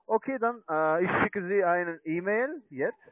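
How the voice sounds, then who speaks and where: A non-native German speaker pitches online trading accounts by telephone, stumbling through broken phrases. His voice is high-pitched and expressive, a little slow, with no echo, carried over a thin, narrowband phone connection.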